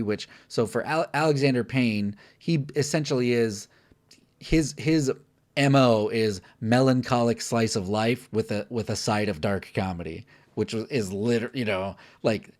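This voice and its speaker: Male film-review co-host, lowish voice, chatty and candid, restarts often. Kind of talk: casual film review chat.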